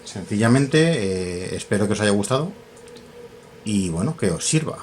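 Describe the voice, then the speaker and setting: A man's voice: on the low side, animated, normal speed, a little mellow, slight background noise. A man demonstrating radio test equipment in a workshop, talking casually and thinking aloud, often correcting himself with fillers. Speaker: radio equipment tutorial host.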